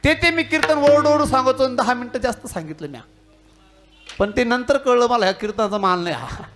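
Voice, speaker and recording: With faint music behind him, a Marathi-accented man preaches a humorous devotional kirtan in an extremely high, fairly bright voice at a fairly quick pace. He tells stories, cracks jokes, acts out dialogue with mimicry, and teases the audience.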